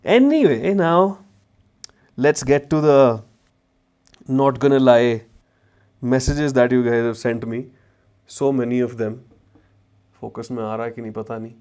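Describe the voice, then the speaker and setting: A man's voice: mid-range voice, level tone, moderate pace, long pauses, mellow, clear, resonant tone. A man with a north Indian accent chatting informally as he hosts a livestream and answers viewers, slipping between English and Hindi slang. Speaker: travel vlogger and former chemistry teacher hosting a livestream. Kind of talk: casual livestream chat answering viewers' questions. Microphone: wireless mic.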